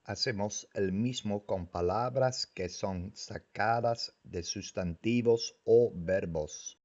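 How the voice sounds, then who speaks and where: A man's voice: on the low side, slow pace, darkish tone. A man teaching a language lesson from a script, repeating each word several times. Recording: dull lo-fi recording.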